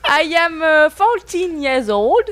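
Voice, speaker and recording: A woman's voice: sits high, very animated, takes it slowly, fairly bright tone, heavily acted. A woman playing a cheeky teenage schoolgirl. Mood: playful.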